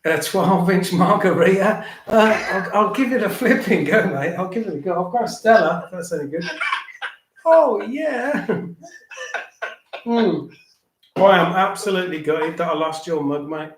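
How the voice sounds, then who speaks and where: A man's voice: sits high, normal speed. A man hosting a live phone-in stream, chatting casually and waffling with matey slang. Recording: echoey room, faint noise.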